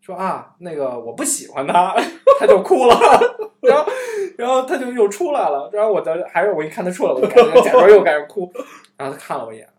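A man's voice: high voice, sing-song, fast, darkish tone. A man chatting casually, telling funny stories about his child with frequent laughter. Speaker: podcast guest, father. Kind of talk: casual chat, anecdotes.

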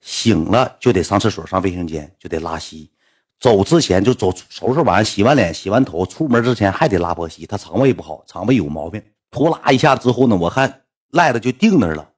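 A man's voice: on the low side, big pitch swings, fairly quick, husky. A man with a Northeastern Mandarin accent tells a rambling, colloquial story to his livestream audience. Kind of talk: casual spoken storytelling.

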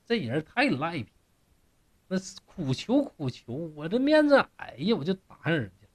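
A man's voice: a little high, very animated, normal speed. A male storyteller voicing an embarrassed young scholar making excuses. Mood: sheepish. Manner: sheepish pleading.

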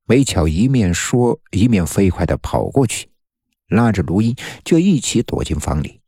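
Deep, husky male storyteller. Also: big pitch swings, normal speed, mellow, no room sound, studio quality. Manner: tense, suspenseful storytelling. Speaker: narrator. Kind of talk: dramatic story reading. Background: faint music.

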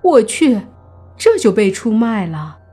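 A woman's voice: a little high, big pitch swings, normal speed, breathy edge, faint music behind, voice pushed up. A woman doing a startled young man. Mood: exasperated. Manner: surprised exclamations.

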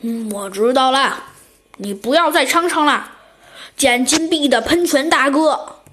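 A woman voicing an eager little male chick police officer in a children's storybook, excitable and bossy. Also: high-pitched, a little slow.

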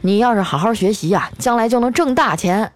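A woman's voice: fairly high pitch, fairly quick, lightly acted. A woman voicing an exasperated father who banters with his son in a mock-stern tone. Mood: teasing. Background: faint background music.

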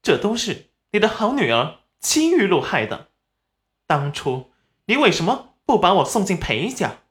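A narrator voicing a scheming young village girl who whines and fakes tears in a high voice, in an audiobook. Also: sing-song, normal speed, close to an everyday voice. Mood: bitter. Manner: high, coaxing, fake crying.

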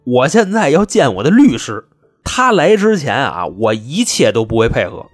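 A man voicing a cocky male bank robber boss who talks gruff and blunt. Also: medium pitch, very animated, moderate pace. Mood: swaggering. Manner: gruff, blunt northern street talk.

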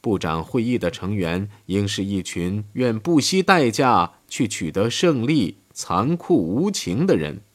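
A man narrates a history audiobook in a low voice. His reading is steady and scripted, and his pitch rises and falls widely, climbing higher on quoted lines. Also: unhurried, few pauses.

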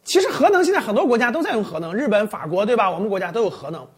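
A woman's voice: mid-range voice, very animated, rapid-fire, slightly rough. A woman giving casual, opinionated commentary on a list of forecasts, setting each point against her own view in loose phrases with restarts. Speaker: finance commentator.

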